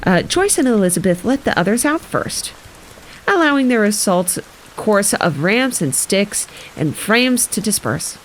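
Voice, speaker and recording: A woman streamer reads a novel aloud on a live stream, frequently slipping and correcting herself and breaking off for casual comments. Her medium-pitched voice is very animated and unhurried. Soft rain ambience plays behind her, with slight background noise.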